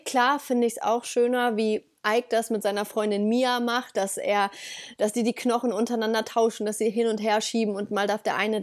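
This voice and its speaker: Direct, lively woman podcaster. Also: on the high side. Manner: direct, lively, addresses listeners as du and ihr. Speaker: dog podcast host. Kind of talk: casual podcast monologue.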